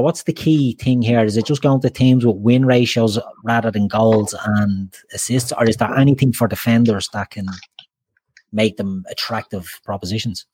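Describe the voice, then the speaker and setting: Dublin guy hosting a casual football chat, dry sound, mid pitch. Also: darkish tone, dry recording. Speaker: host of a football discussion show. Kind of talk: casual sports chat, posing questions to guests.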